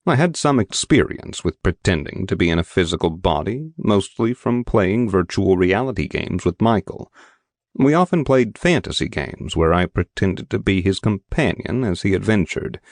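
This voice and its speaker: Here a man's very deep voice carries a first-person audiobook narration with calm, steady, slowly placed phrasing. The studio recording is dry and dead, captured close with zero room ambience.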